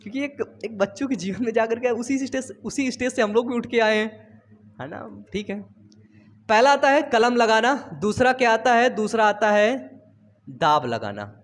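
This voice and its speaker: Young male biology tutor, high voice, chatty and teasing. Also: normal speed. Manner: chatty, teasing students, repeats phrases. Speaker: biology teacher. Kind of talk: casual online lesson. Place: home studio.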